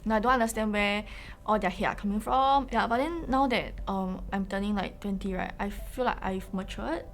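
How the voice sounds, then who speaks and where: A woman's voice: mid-range voice, moderate pace, few pauses. A young woman from China, answering interview questions earnestly with frequent fillers. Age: young adult.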